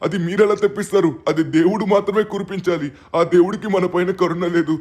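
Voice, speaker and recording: A man's voice: sits high, steady tone, fast, a little mellow. A man voicing a desperate older fisherman in a fan-dubbed game story, lamenting and pleading. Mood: despairing. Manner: lamenting, pleading, addresses the host as son.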